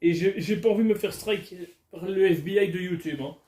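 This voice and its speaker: High-voiced man joking crudely in an echoey room. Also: a little fast, a little mellow. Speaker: vlogger. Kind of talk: casual unboxing chat. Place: alone in a room at home. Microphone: camera filming him.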